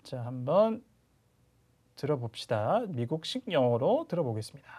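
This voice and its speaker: A man's voice: medium pitch, big pitch swings, normal speed, darkish tone, breathy edge. A male English instructor giving a video lecture on listening and word stress, chatty, often checking in with learners and sometimes exaggerating sentences to demonstrate stress. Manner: chatty teacher, frequent "자" and "그죠?" check-ins, sometimes exaggerated demo reading.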